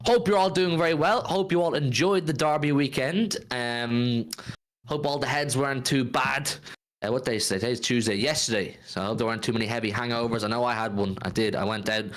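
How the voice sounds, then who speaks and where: A man's voice: mid-range voice, steady tone, fairly quick, a bit bright. A British man hosting a football fan live stream, chatting casually in a blokey, enthusiastic way and repeating phrases for emphasis.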